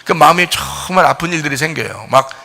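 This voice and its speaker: A male pastor delivers a sermon in a gravelly, somewhat high voice. He talks straight to his listeners in blunt informal speech. He swings from loud urgent rises to quiet questioning drops. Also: animated, quick pace.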